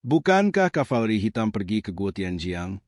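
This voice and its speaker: A man doing a calm, aloof old sect master. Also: fairly low pitch, normal speed, dry recording, studio quality. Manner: calm, unreadable, condescending.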